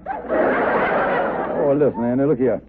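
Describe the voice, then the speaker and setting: An actor playing Kingfish, a wily, chummy lodge leader who talks in folksy, ungrammatical dialect in 1950s radio comedy style. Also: male voice, medium pitch, huge pitch swings, slow pace, heavy background noise. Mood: exasperated. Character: wily, blustering lodge leader, chummy, exasperated with his friend. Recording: tinny, narrow-band old radio recording.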